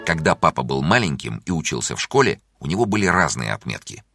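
A man narrating a children's story as an audiobook in an expressive, playful way. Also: very deep voice, fast, dry recording, studio quality, soft background music.

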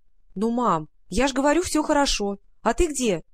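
A woman's voice: on the high side, animated, moderate pace, pitched above the performer's own voice, lightly acted. A woman reading an audiobook, voicing a cheerful little girl who reassures her mother. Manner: bright, reassuring.

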